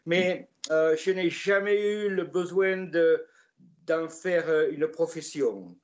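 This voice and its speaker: An older man from Gascony with a Gascon French accent, telling stories in a relaxed interview, with many hesitations and restarts. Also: on the high side, slow pace, highs cut off. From Gascony, France. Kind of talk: casual storytelling interview.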